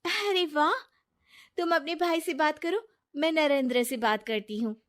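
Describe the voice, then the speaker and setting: A woman's voice: sits high, unhurried, a bit bright. A woman playing a trusting kind young wife. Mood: earnest.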